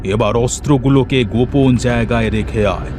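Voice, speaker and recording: An actor voicing a scheming male bandit chief in a cartoon, speaking slowly and menacingly. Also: medium pitch, over music, lightly acted. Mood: pleased. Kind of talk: cartoon voice acting.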